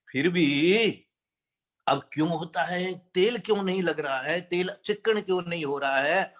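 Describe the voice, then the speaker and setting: Man, scripture teacher; slightly high voice, slow explanatory sermon delivery with chanted verses. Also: a bit bright.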